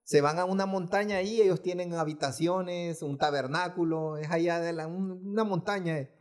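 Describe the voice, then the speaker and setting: Guy telling a spooky story on a podcast, kinda high voice, repeats himself a lot. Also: moderate pace. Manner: earnest, repetitive storytelling, acts out quoted voices. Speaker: former funeral home worker, guest. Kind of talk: casual storytelling in a podcast interview.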